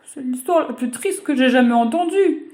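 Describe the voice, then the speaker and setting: A woman voicing a frightened, excitable little girl in a storybook reading, with shrill wailing cries. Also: moderate pace, roomy sound. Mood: eager.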